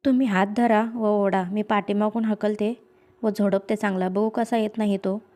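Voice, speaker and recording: A woman's voice: medium pitch, fairly even intonation, normal speed, mellow, natural voice. A woman voicing a stern village mother in a storybook reading, speaking in a commanding, scolding way.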